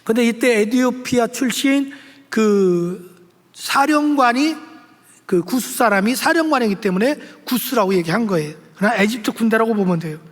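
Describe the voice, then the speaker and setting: A man's voice: very high-pitched, normal speed. An older man, a senior pastor, preaching a sermon in a church sanctuary, exhorting his congregation and rising into emphatic appeals. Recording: long church hall reverb.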